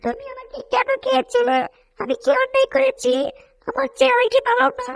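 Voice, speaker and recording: A woman's voice: very high voice, big pitch swings, a little fast, creaky, fairly bright tone, voice pushed up, full character voice. A woman voicing a small frightened pet bird in a fan cartoon dub, with a thin, plaintive plea.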